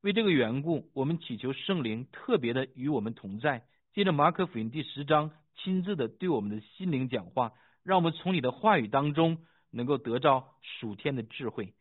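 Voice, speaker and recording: A man pastor reading scripture, praying and preaching with fervent emphasis, pausing with fillers as he talks. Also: mid-range voice, lively intonation. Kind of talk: sermon with scripture reading and prayer. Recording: tinny phone-like sound.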